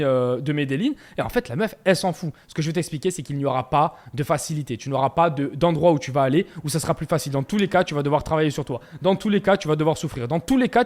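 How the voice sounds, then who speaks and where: A man with a Provençal French accent talking straight to camera, emphatic and slangy, hammering points home by repeating them. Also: a little high. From Aix-en-Provence, southern France. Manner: emphatic, slangy, repeats phrases for emphasis, addresses viewer as "frérot". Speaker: self-improvement youtuber. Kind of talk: direct-to-camera motivational talk.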